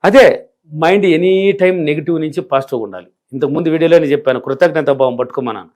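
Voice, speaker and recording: Middle-aged village guy, spiritual teacher in an interview, hammers points over and over, talks fast and a bit high. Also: a little mellow. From rural India. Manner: emphatic and repetitive, driving points home. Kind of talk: interview answers.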